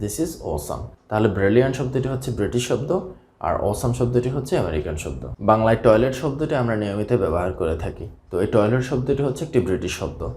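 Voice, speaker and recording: A man from Bangladesh teaching a scripted English vocabulary lesson, steadily repeating each key word slowly. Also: medium pitch, dark tone. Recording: echoey room.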